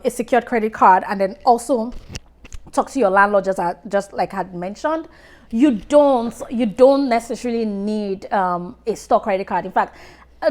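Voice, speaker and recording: A woman's voice: a little high, darkish tone. Chatty woman giving money advice. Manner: direct, chatty, frequent restarts; addresses viewers by name. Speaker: personal finance vlogger. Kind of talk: casual advice talk to camera.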